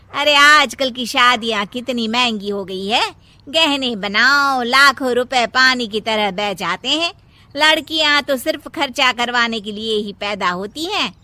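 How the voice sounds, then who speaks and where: A woman voicing a proud, scornful older grandmother in an animated story, who talks in scolding lectures. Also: high voice, no room sound, heavily acted.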